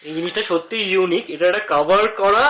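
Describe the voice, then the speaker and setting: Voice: mid-range voice, quick pace, a bit bright. A co-presenter chatting casually about the shopping, explaining prices and details. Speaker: co-presenter, family member. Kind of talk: casual chat. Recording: echoey room, faint noise.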